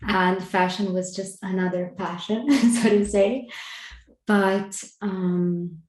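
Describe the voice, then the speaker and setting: A woman's voice: mid-range voice, fairly even intonation, slow pace, darkish tone. A woman co-hosting a casual spiritual conversation, earnest, laughing lightly between phrases and restarting her sentences. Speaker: podcast co-host. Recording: roomy echo.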